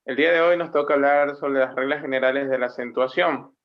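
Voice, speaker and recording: A male student giving a class presentation, explaining grammar rules and slowing down to read out example words. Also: medium pitch. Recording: muffled lo-fi recording.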